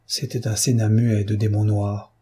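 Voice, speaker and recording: Husky, dark-voiced male narrator. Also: on the low side, flat delivery, moderate pace. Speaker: audiobook narrator. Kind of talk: reading of a classic novel.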